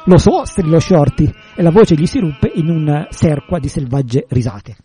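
A man reading a novel passage aloud in a measured, expressive way. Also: a little high. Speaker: narrator. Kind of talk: literary reading.

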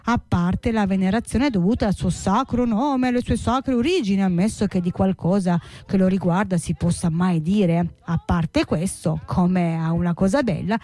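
A woman voicing an earnest, warm young man who pleads heartfelt, lifting her pitch. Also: lively intonation, moderate pace, no room sound, natural voice. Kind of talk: storybook read-aloud.

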